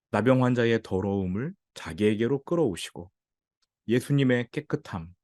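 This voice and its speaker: Korean pastor preaching, low dry voice. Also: male voice, no room sound. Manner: animated preaching, acting out quoted speech. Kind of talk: sermon.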